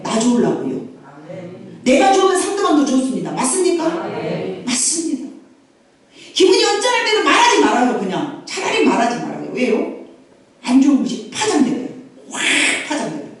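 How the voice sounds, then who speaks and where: Middle-aged woman pastor, high lively voice, emphatic repeating sermon style, heard from a distance in a very echoey church hall. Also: normal speed. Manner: emphatic, repetitive preaching with calls for amen. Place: church sanctuary.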